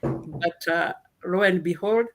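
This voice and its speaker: A woman from Kenya speaking on a radio panel, telling her story slowly with many hesitations. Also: fairly low pitch, a little hiss or hum. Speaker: guest speaker. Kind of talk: casual panel talk.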